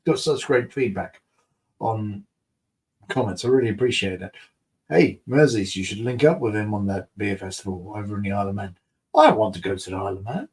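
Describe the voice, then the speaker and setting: Animated and a little fast, a man with a somewhat low, slightly mellow voice hosts a laid-back beer review live stream. He reviews beer and runs the channel, mumbling and rambling through viewers' comments while mocking himself.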